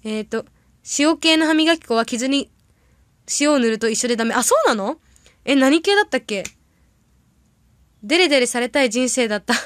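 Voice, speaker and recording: Chatty high-voiced young woman livestreaming. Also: animated, dry recording. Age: young adult. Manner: chatty, rambling, quick reactions to comments. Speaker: idol audition candidate livestreaming. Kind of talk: casual livestream chat reading viewer comments.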